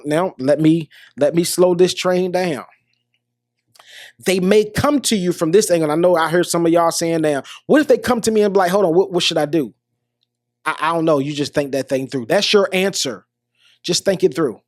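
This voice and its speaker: A man's voice: on the high side, dry recording, studio quality. Earnest American man giving relationship advice. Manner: earnest, repeats himself, restarts phrases. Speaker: podcast host. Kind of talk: motivational monologue.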